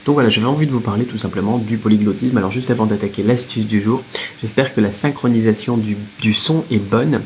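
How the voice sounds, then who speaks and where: A man who teaches languages, talking casually to camera in a vlog, chatty and lively with many fillers and restarts. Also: on the low side, fast talker, a little hiss or hum. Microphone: separate microphone.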